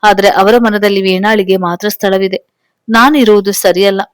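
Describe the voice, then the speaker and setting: A woman takes on a heartbroken young wife in a storybook reading. She pleads through held-back tears, in a dry, close voice of middle pitch. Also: steady tone, moderate pace, no echo, close to an everyday voice. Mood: tearful. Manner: tearful, pleading.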